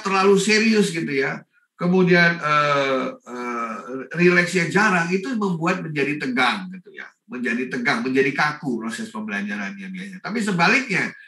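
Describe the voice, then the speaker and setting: A man from Indonesia giving a lively talk at an online forum, mixing in English phrases and greeting listeners by name. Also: on the high side, reverberant, far from the mic. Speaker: forum speaker.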